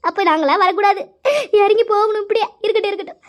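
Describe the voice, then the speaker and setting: A woman's voice: very high voice, quick pace, voice pushed up. A woman voicing a weeping, aggrieved sister-in-law who scolds through tears in a cartoon. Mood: bitter complaining. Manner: wailing, tearful scolding. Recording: dull lo-fi recording.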